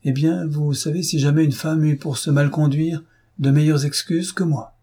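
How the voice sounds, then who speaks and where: A man's voice: mid-range voice, normal speed, mellow, husky, close to an everyday voice. A man reading an audiobook, voicing an earnest, proud young upper-class woman who speaks with heartfelt, emphatic pleading. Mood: impassioned.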